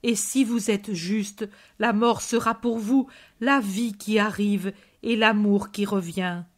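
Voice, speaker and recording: A woman's voice: medium pitch, fairly even intonation, slow pace. A woman voicing a compassionate male preacher giving a solemn, exhorting sermon.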